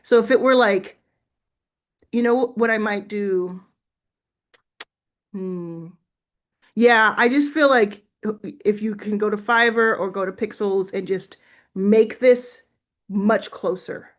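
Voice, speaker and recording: A business-coaching livestream host talks slowly in a mid-range voice, leaving long pauses. Her casual live chat is encouraging, mixing feedback with thinking out loud.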